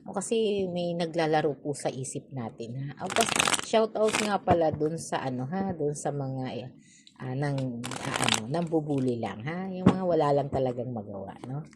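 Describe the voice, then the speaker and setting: A woman's voice: low-pitched, animated, normal speed, very noisy. A woman with a Filipino accent giving a casual tarot reading, chatty, with frequent tag questions and sarcastic asides. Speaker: tarot reader.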